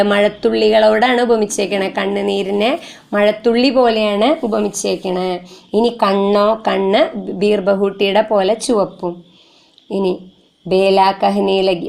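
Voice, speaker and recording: Creaky-voiced woman teaching a story. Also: mid-range voice, darkish tone. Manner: reads Hindi lines slowly, then explains them; asks and answers her own questions. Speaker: Hindi teacher. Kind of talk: exam lesson explaining a story.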